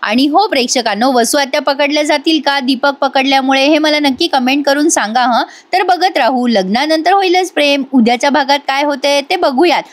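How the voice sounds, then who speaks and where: A woman retelling a TV serial episode to her viewers in a lively, dramatic way, speaking to them directly. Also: sits high, a little fast, hardly any pauses. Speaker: TV serial recap vlogger.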